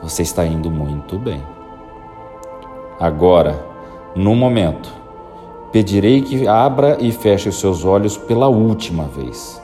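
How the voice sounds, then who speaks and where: A man with a very low, mellow voice leads a hypnosis session. He gives slow, soothing, repeated instructions over faint background music. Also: lively intonation. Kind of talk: guided hypnosis induction.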